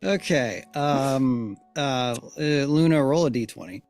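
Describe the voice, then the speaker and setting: A man acting as game master, talking slowly and haltingly with fillers as he opens the session. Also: medium pitch, loud music behind the voice. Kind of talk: tabletop game narration.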